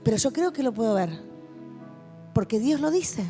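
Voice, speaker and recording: A woman's voice: fairly high pitch, lively intonation, normal speed, warm tone, soft background music. A woman pastor with a Rioplatense Spanish accent, giving a passionate testimony sermon to a youth meeting in a church hall. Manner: passionate, vivid storytelling.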